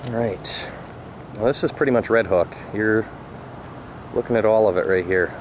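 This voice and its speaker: A man in his thirties gives a relaxed, wry walking tour, talking while he walks outdoors with a handheld camera. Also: on the low side, moderate pace. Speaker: vlogger. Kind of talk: casual walking-tour narration. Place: outdoors on sunny island streets. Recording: outdoor camera audio with street noise.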